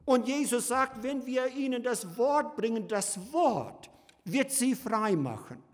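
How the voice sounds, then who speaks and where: A man preaching a sermon, swinging between loud emphasis and hushed, slow passages as he addresses his listeners fondly. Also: very high-pitched, expressive. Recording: long hall reverb.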